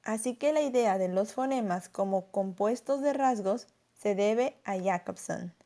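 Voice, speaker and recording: Mellow-voiced woman teaching a lesson. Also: medium pitch, measured pace. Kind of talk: scripted lesson narration.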